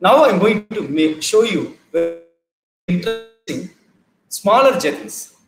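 A middle-aged man with a South Indian accent, giving an informal dance lecture-demonstration, explaining in short phrases with pauses between them. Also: high voice, lively intonation, vocal fry, music in the background. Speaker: classical dance teacher. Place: large bare indoor hall. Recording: echoey room, audible background noise.

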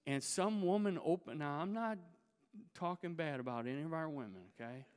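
A male pastor preaching in a church sanctuary, his voice raised above the usual male range, smooth and resonant. He tells the story conversationally and builds emphasis, and a long hall reverb hangs on every phrase. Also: fairly high pitch, lively intonation, moderate pace, darkish tone. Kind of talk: sermon.

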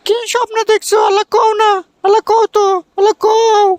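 A woman voicing a nagging, dismissive young village sweetheart in a comic cartoon, with a colloquial Bangladeshi regional accent and a creaky voice. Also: very high-pitched, level tone, fairly quick, a little mellow, dry recording, studio quality. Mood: teasing, eager. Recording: music under the voice.

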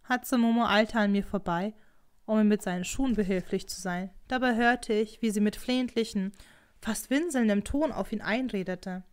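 A woman reading an audiobook in calm, scripted narration. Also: mid-range voice, normal speed, clear, resonant tone. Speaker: audiobook reader.

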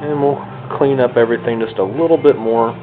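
Speaking fairly quickly in a mid-range voice with fairly even intonation, this American man restores radios as a hobby and narrates his own video over faint background music. His unscripted, hands-on walkthrough is folksy and self-deprecating, filmed indoors at a home kitchen or dining table. The handheld camera's built-in microphone makes it sound thin and phone-like.

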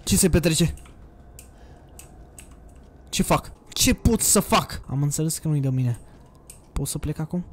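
A man's voice: a little high, animated, pauses often, a little hiss or hum. A young man playing a horror game on a desk microphone, commenting casually, swearing and yelping when startled. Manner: jumpy, swears a lot, yelps and shouts when scared. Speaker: gaming streamer. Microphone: desk USB microphone.

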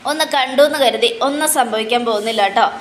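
A showy old grandmother from a TV drama who wails and whines over every little sorrow, as a woman puts her on. The voice sits a little high and is only lightly changed from the reader's own. A faint hiss runs underneath. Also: fast, reverberant, natural voice. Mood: coaxing. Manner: whiny, overdone wailing. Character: theatrical old grandmother, fake-crying schemer.

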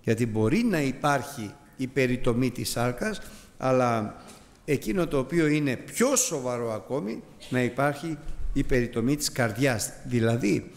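A man's voice: mid-range voice, animated, big-room sound. A man teaching a Bible study as a sermon, earnest and emphatic, addressing his listeners as brothers.

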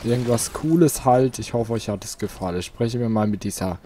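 Seated at home, a man hosts a let's play, chatting casually and thinking aloud as he plays. His mid-range voice is mellow and a little fast, with a slight hiss or hum in the audio.

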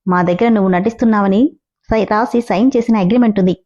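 A woman voicing a sharp, demanding young lawyer who speaks firmly and questions hard. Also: medium pitch, fairly even intonation, quick pace, lo-fi sound, natural voice. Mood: stern. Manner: firm, questioning.

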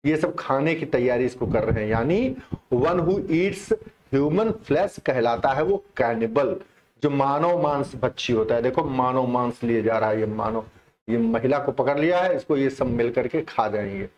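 A man's voice: medium pitch, lively intonation, measured pace, darkish tone, a little hiss or hum. A man teaching English vocabulary in a chatty, repetitive online exam-prep lesson. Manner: explains in Hindi mixing English terms, chatty and repetitive.

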